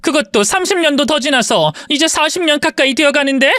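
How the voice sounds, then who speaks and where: A woman voicing a patient middle-aged woman, a former maid, who answers a bully in a calm, restrained way in an audio story. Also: sits high, fairly quick, no room sound, clean studio sound, pitched above the performer's own voice.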